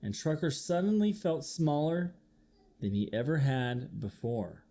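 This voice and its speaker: With a fairly high voice and a somewhat slow delivery, a man reads a kids' picture book the way a teacher might, with slight noise in the background. He acts out the sounds and stops to ask the children questions, keeping the storytime animated.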